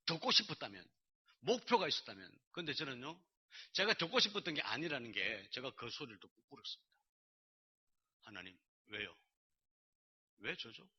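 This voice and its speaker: Animated male pastor preaching a sermon. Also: on the high side, breathy edge. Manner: animated storytelling, acting out dialogue. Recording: dull lo-fi sermon recording.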